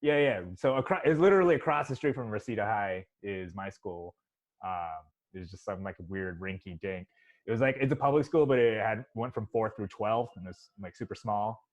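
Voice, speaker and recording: A man's voice: fairly low pitch, a little fast. A man hosting a podcast, chatting in a rambling, profane way with lots of "you know". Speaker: podcast host. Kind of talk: casual podcast chat. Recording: slightly dull sound.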